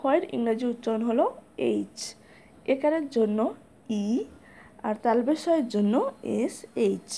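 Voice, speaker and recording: High-pitched woman spelling names slowly. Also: dark tone. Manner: spells out letters one by one, slow and methodical. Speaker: teacher. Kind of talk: spelling lesson.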